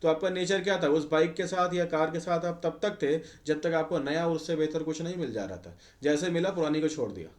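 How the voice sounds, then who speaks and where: A man's voice: on the high side, a little fast, hardly any pauses. A male chemistry teacher giving a conversational exam-prep lecture, often asking students rhetorical questions. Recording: echoey room.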